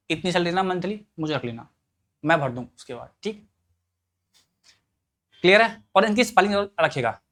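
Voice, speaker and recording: A male teacher runs a spoken-English class, asking his students one quick question after another. His voice sits a little high for a man, and his casual, joking manner keeps the lesson light. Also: fairly bright tone. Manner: drills students with repeated questions like "yes or no?"; joking and colloquial.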